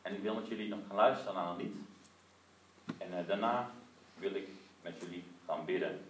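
A man with a fairly low voice preaches, telling his story lively and tossing in frequent rhetorical asides. He is recorded from some distance in a roomy space with echo and faint background noise. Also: normal speed. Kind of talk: sermon with prayer for listeners at home.

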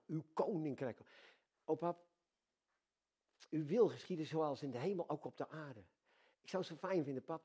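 Older Dutch-speaking man preaching with animated swings. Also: fairly high pitch, husky. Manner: animated, swings from soft intimate asides to loud exclamations; addresses God casually as dad. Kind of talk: sermon.

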